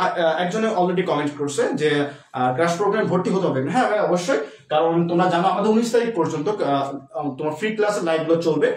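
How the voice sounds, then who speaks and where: A man's voice: high voice, far from the mic. A man teaching English for a university admission test in a live online class, talking to students informally and mixing English terms into his explanations. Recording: roomy echo, voice a bit off-mic.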